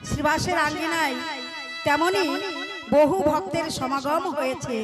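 A woman's voice: high voice, measured pace. A woman kirtan singer telling a devotional story, chanting and preaching at a live kirtan gathering. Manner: addresses listeners as mother, mixes sung chant and preaching. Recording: loud devotional music behind.

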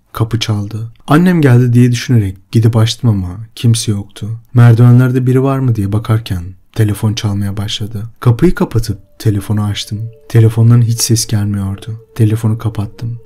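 A man narrating a horror story in a steady, measured way. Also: on the low side. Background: faint music.

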